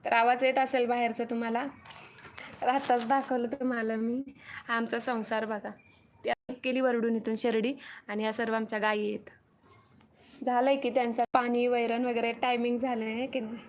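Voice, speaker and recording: A woman's voice: on the high side, flat delivery, normal speed, a little hiss or hum. A young woman hosting a casual live stream from her farm home, reading viewers' comments aloud and thanking each by name. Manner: greets viewers one by one, reads comments aloud, repeats thanks. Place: farm home with cattle shed nearby.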